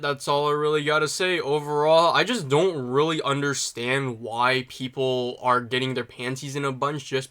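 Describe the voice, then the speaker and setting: A young man delivers a casual opinion monologue in a rambling, sarcastic way, poking fun at himself as he goes. His voice is bright and sits a little high, with a forceful edge to it. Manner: rambling, sarcastic, self-mocking. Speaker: YouTube commentator.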